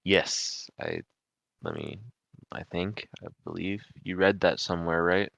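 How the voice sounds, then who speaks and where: A man with a very deep voice runs a tabletop game over an online call, hesitating with frequent ums. He narrates the fights with joking sports-commentator flair, and the sound is close and dry. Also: wildly swooping pitch, a little slow, gravelly, a bit bright, no room sound, muffled recording. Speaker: game master.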